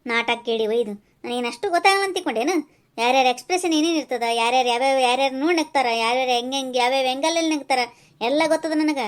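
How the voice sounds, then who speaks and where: A woman voicing a quick-tempered middle-aged village woman in a cartoon, speaking with a North Karnataka accent and scolding in rapid bursts. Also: high-pitched, natural voice. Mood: indignant. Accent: North Karnataka Kannada. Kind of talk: cartoon voice acting.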